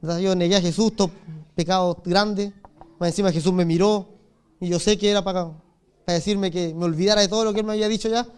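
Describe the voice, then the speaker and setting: Pastor putting on a downcast, defeated Peter. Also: male voice, sits high, fairly even intonation, fast, clear, resonant tone, voice pushed down, lightly acted. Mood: dejected. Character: despairing apostle Peter, a grown man.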